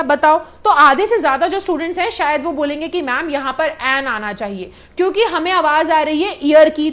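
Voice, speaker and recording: A woman's voice: very high-pitched, a bit bright. A woman teaching English grammar in a patient classroom style, with an Indian English accent, repeating points and checking that students follow. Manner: reads English example sentences slowly and deliberately.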